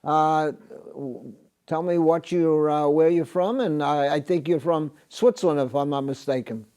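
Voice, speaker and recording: An older man hosts an interview on a TV studio set, talking through a lapel mic. His voice is mellow and dark, and he stops often on filler sounds as he searches for words. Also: fairly high pitch, clear, resonant tone. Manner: halting, many filler sounds. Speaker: host.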